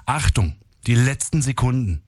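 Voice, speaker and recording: A man's voice: medium pitch, lively intonation, moderate pace, darkish tone, no room sound, clean studio sound. A man co-hosting a TV phone-in quiz, announcing offers with emphatic infomercial hype. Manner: hyping, counts off offers emphatically. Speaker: call-in quiz show co-host. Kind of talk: infomercial-style promotional announcing.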